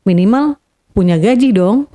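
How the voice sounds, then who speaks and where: This woman's mid-range voice is mellow and animated, and her pace is a little slow. She's a guest telling a painful family story in sincere first-person detail, playing out the quoted dialogue and repeating key points for weight.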